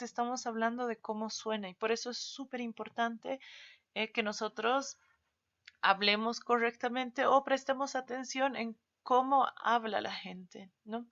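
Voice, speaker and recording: A woman teaching a spelling lesson, explaining patiently and drawing out example words slowly. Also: on the high side, creaky, pushed and bright. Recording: dull, lo-fi recording.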